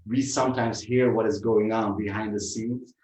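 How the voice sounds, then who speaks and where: A man from Turkey speaks English, his voice low and deep. He talks in a measured, hesitant way with many pauses and fillers. He sounds some way from the mic, in a roomy, echoing space. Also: steady tone, darkish tone. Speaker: musician guest. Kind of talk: festival talk in English. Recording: roomy, from far off.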